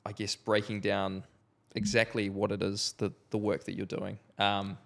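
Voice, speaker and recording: A male podcast host interviews his guest with an appreciative tone. His voice is low and sits in a gravelly fry. He asks measured follow-up questions. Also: level tone.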